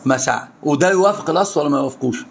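A man's voice: fairly high pitch, very fast, creaky. A man with an Egyptian Arabic accent teaching an interactive religious lesson, pressing his students with repeated questions. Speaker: Islamic scholar teaching students.

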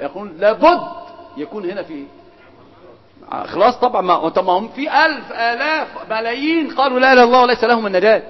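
A man with an Egyptian accent teaching a religious lesson. He quizzes his students and swings between loud and soft speech. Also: high voice. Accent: Egyptian Arabic. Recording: dull, hall with long reverb.

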